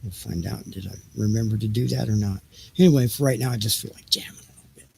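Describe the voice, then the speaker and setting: Talking fast with a lowish, dark voice and vocal fry, a middle-aged livestream host rambles off the cuff, half muttering as he fiddles with his gear. His homemade streaming setup is noisy.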